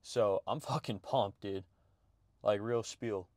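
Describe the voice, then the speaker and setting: A man's voice: fairly low pitch, slow pace, a little mellow, no echo, studio quality. Gym bro, young man. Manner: gym bro talk, slangy and profane, peppered with "bro". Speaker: fitness vlogger. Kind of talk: casual vlog chat to viewers.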